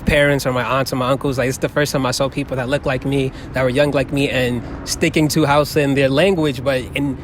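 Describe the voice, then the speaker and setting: Brisk and hardly pausing, a young man from the Bronx, New York tells stories animatedly in a medium pitch, laughing often. He's being interviewed outdoors in a city park plaza via a handheld phone held to him, with faint outdoor city noise.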